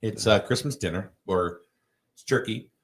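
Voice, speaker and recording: A man hosting a casual talk show, animated and laughing often, with plenty of ums. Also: lowish voice, normal speed. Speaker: show host. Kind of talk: casual radio-style chat.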